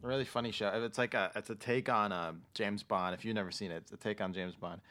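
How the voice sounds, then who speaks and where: A man hosting a casual podcast, explaining things in a halting way with frequent backtracking. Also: lowish voice, fairly even intonation, pushed and bright. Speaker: podcast host.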